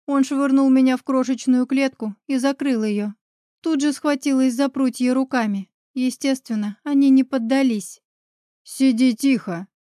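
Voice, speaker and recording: A woman reading a first-person fantasy story aloud in an expressive storytelling way, close to the mic. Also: high-pitched, dry recording. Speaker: audiobook narrator. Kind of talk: scripted fantasy narration.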